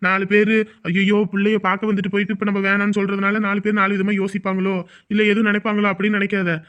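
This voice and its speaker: A man's voice: high-pitched, monotone, fast talker, a bit bright. An actor playing a middle-aged village elder who gives patient advice and keeps asking if he is understood. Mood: advising. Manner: patient, advising, checks for agreement. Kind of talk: village family drama acting. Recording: dull lo-fi recording.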